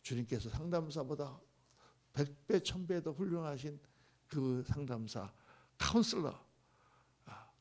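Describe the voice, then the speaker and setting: This male pastor's voice sits a little high, animated yet measured in pace, with long pauses. Preaching at a dawn prayer service in a church sanctuary, he alternates between forceful, loud lines and quiet, hushed ones, voicing the people he quotes in chatty asides.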